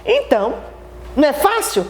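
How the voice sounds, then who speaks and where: A woman teacher with a Brazilian Portuguese accent, giving a children's TV lesson in an animated, sing-song way and talking straight to the children. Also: sits high, moderate pace, slight background noise.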